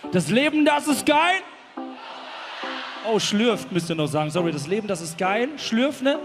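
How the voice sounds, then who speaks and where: High-voiced man bantering on stage. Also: sing-song, moderate pace. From Germany. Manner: playful, cheeky, calls out to the crowd. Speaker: musician performing live. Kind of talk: live crowd banter between songs. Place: open-air festival stage. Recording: live concert sound with loud band music.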